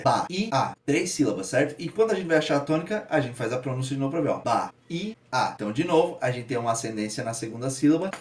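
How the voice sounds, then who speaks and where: Male teacher, slightly high voice, patient, roomy distant sound. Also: a little mellow. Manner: patient, repeats and stretches example words slowly. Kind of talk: explaining a grammar lesson. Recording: echoey room, voice set back from the mic.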